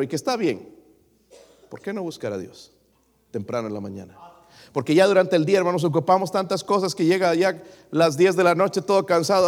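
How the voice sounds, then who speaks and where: A man preaching a sermon as pastor, addressing his congregation as brothers and putting questions to them. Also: medium pitch. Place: church. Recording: long reverb of a hall.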